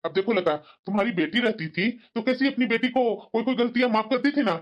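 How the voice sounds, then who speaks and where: A man voicing a kindly middle-aged father who gently lectures his family. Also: extremely high pitch, fast talker. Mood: patient. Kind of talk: cartoon voice acting. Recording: dull lo-fi audio.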